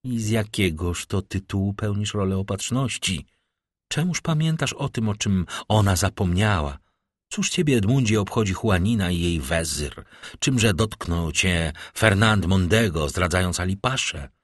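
A man voicing a grieving middle-aged noblewoman who pleads with hushed desperation for her son. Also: sits low, animated, moderate pace, no room sound, clean studio sound. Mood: reproachful.

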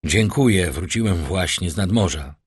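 A man reading an audiobook, voicing a frank, loyal young journalist with a husky voice. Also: low-pitched, lively intonation, moderate pace, no room sound, studio quality, full character voice.

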